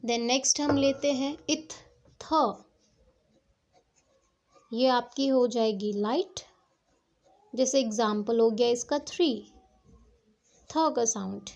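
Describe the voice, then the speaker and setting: A woman with a fairly high, darkish voice teaches shorthand strokes a little slowly, leaving long pauses. Her step-by-step classroom explanation is patient, and she often asks "ठीक है" to see whether her students are keeping up.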